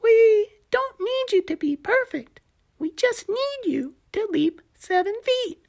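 A woman's voice: extremely high pitch, lively intonation, slow pace, vocal fry, a little mellow, voice pushed up, full character voice. A woman voicing an eager, cheerful little male gecko who coaches his friend in a storybook reading, chirpy and encouraging. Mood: coaxing.

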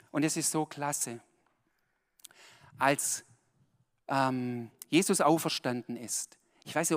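Man preaching in a reverberant church. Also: mid-range voice. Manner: swings between loud emphatic bursts and hushed intimate asides; direct, colloquial, addresses listeners with "hey". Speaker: pastor. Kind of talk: sermon.

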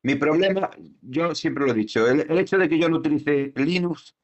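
A man's voice: a little high, normal speed. Rambling man on a lo-fi podcast. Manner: rambling, many fillers and restarts. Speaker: podcast co-host. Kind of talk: casual chat. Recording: dull lo-fi podcast audio.

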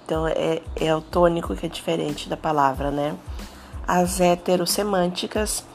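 A woman's voice: fairly low pitch, steady tone, moderate pace, vocal fry, soft background music. A Brazilian woman with a Brazilian Portuguese accent, patiently teaching a Spanish lesson and often checking in with "tá?" and "né?". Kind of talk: explanatory language lesson.

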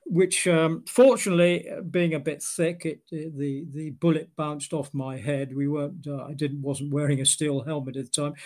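An older man from Britain recounting his military past in an interview, halting with many fillers and dry humor. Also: fairly high pitch, fairly even intonation, a little mellow. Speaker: interviewee, former Royal Marines officer. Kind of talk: oral history interview.

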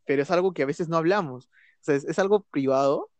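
A man's voice: a little high, fast talker, a little mellow, no room sound. A young man in casual chat, laughing often, swearing freely and joking as he talks.

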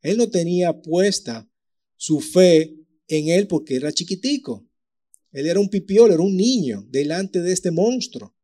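Man, preacher, animated storytelling, warm tone. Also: high voice, measured pace. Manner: lively storytelling with acted-out voices and sound effects. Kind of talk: sermon.

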